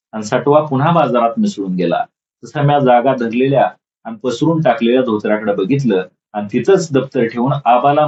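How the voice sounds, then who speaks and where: Man, storyteller, mid pitch, dull muffled recording. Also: a little mellow. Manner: voices characters with raised pitch for quoted calls. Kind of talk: dramatic story reading. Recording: dull lo-fi audio.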